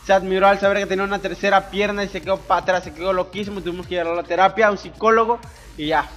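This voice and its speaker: A man's voice: sits high, steady tone, rapid-fire, a bit bright, muffled recording. A young man from Ecuador, a YouTuber answering viewer questions in a boisterous, crude, joking way with lots of swearing. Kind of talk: casual Q&A voice-over over gameplay.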